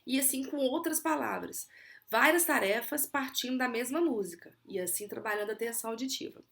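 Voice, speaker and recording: Fairly high-pitched and a bit bright, a Brazilian Portuguese woman gives an explanatory video lesson on auditory attention exercises for children. She speaks clearly like a teacher and slows down to model words.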